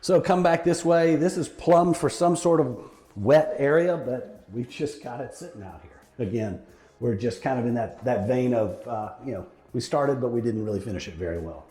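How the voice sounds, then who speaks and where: A man's voice: medium pitch, moderate pace, warm tone, faint music behind. A man walking through a house, pointing out its flaws in an upbeat, joking way. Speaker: realtor touring a house. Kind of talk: walkthrough commentary. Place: indoors in a house basement. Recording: echoey room.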